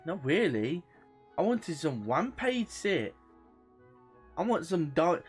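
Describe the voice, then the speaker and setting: A woman streams a game, giving loose, rambling, sweary commentary and sometimes reading the game's text aloud. Her voice is deep and a little mellow, with game music in the background.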